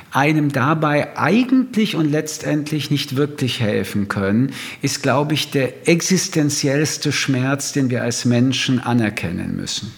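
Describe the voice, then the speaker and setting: A man speaking as a guest in a reflective, philosophical conversation, measured and thoughtful, often pausing with small hesitations. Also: mid-range voice, gravelly.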